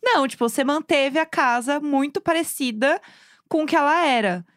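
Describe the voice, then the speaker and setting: A woman's voice: high voice, normal speed, no room sound, clean studio sound. A woman host, chatting expressively and gushing with slang exclamations. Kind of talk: casual chat.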